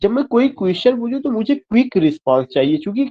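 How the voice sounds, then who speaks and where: A man's voice: extremely high pitch, big pitch swings, quick pace, dull audio. Teacher quizzing his online class. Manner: mixes Hindi and English, spells words out letter by letter; asks the class questions and answers them himself.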